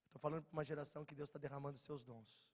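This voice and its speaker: High-voiced Brazilian preacher in a hall. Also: male voice, fairly even intonation, racing. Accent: Brazilian Portuguese. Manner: storytelling, swings between loud bursts and quiet low lines. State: slightly hoarse, has a cold. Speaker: preacher at a youth meeting. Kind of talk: sermon. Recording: long church-hall reverb.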